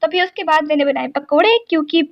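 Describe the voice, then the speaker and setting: A young vlogger narrates her day in a chatty, rambling daily-life vlog packed with little fillers. Her voice sits high and moves fast, and the audio sounds dull.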